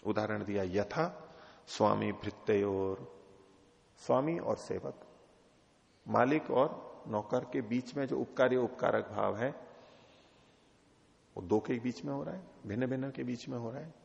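A Vedanta teacher with a gravelly, rough-edged voice of medium, darkish pitch gives a scriptural lecture, reading lines slowly before explaining them plainly and questioning his students. The recording is dull and muffled, with a long echo from a big hall.

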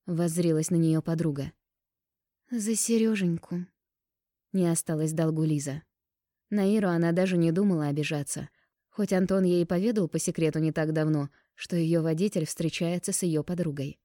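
A woman narrating a romance novel as an audiobook in a calm, even storytelling manner. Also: deep voice, fairly quick, no echo, clean studio sound.

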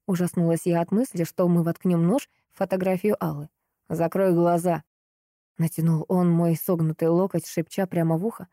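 A woman narrating a novel in the first person, expressive and measured. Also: lowish voice, no room sound, studio quality. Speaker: audiobook narrator.

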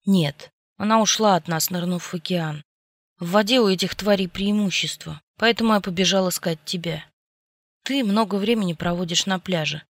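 A woman's voice: on the low side, normal speed, no echo, clean studio sound, natural voice. A woman reading the part of a worried, protective young man who speaks urgently and pleads. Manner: urgent, pleading, then scolding.

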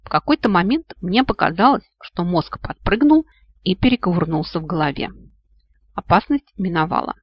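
An audiobook reader narrates a first-person fantasy story with lively delivery, lifting the voice for exclamations. The recording sounds muffled and dull, with no room echo at all. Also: medium pitch, moderate pace, breathy edge. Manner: lively, exclaims in the heroine's quoted lines.

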